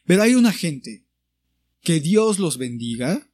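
A man's voice: on the high side, a little slow, no room sound. A young man with a Mexican Spanish accent, telling a story in a casual podcast chat and acting out the people he quotes. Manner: animated storyteller who acts out quoted people. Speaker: podcast co-host.

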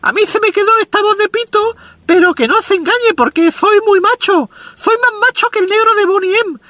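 A man playing a foul-mouthed, self-proclaimed macho with a squeaky, effeminate, boyish voice, rambling through a comic monologue. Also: normal speed, bright, forceful tone, dry recording. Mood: rambling, boastful. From Andalusia, Spain. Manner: crude, rambling anecdotal delivery.

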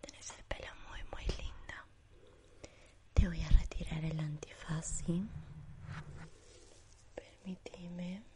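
A woman with a Rioplatense Spanish accent doing a whispered role-play as an ASMR spa attendant, in a soothing sleep-narrator manner with gentle repetition and diminutives. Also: on the low side, steady tone, slow pace, pauses often. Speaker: ASMR performer giving a pampering spa treatment.

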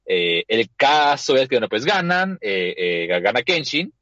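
A man's voice: mid-range voice, sing-song, unhurried, a bit bright, dry recording, dull audio. A man hosting a casual chat, animatedly retelling an anime episode and acting out the characters' lines. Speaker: podcast host.

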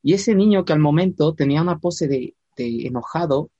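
A man's voice: on the high side, no room sound, dull audio. A man telling a church testimony in a casual chat, acting out the voices of people in his story. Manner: animated storyteller, acts out quoted voices, slows down for emphasis.

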